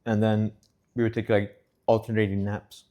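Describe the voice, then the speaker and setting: A man's voice: on the low side, level tone, moderate pace, warm tone. A man building a set with a friend, chatting casually and teasing him in joking banter. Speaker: co-builder on a stream. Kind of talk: casual chat.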